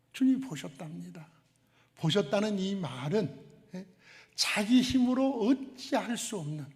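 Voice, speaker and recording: High-voiced preaching pastor in a reverberant hall. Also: male voice, a little mellow. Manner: preaches with rhetorical questions and acted-out quotes. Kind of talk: sermon. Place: church sanctuary.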